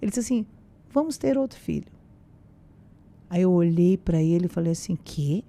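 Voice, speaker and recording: Mellow-voiced woman telling her story. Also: fairly low pitch, moderate pace. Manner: animated storyteller who acts out quoted dialogue. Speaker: podcast guest. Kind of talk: casual personal faith testimony.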